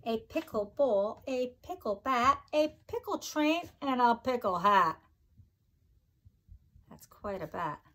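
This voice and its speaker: At home in a kitchen-style room, a middle-aged woman who teaches reads a picture book to little ones, her delivery slow, deliberate and sing-song. She sounds expressive, on the high side and a bit bright, mixing in chatty side comments.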